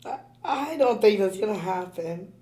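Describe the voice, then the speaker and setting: A woman co-hosting a podcast, chatting casually in a hoarse, squeaky voice, with giggles, fillers and restarts. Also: moderate pace, warm tone. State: hoarse, squeaky from dust allergy. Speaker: podcast co-host. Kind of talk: casual chat.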